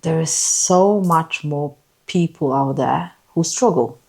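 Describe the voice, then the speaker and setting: A woman with a low voice speaks as a podcast guest. She tells her personal story earnestly, stopping and restarting and repeating words as she goes. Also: slow pace, gravelly, darkish tone, husky. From Poland.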